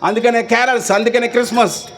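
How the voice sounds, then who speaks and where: With an extremely high pitch and fairly even intonation, a Telugu-accented pastor delivers his sermon at a quick pace. He poses question after rhetorical question, pushing the crowd again and again to call back their answers.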